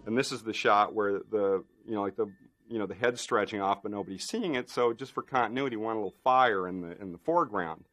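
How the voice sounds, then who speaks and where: A man's voice: on the low side, quick pace, a bit bright, faint music behind. Man telling a rambling effects anecdote. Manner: rambling, many fillers and restarts. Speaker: special effects artist. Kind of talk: documentary interview anecdote.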